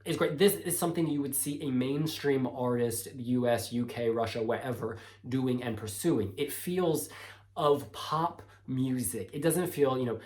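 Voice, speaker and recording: Very low-pitched woman giving effusive music reactions. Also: measured pace, darkish tone. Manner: effusive, exclamatory, dramatic phrasing. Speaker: music reaction video host. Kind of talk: enthusiastic music reaction commentary. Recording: music playing behind the voice.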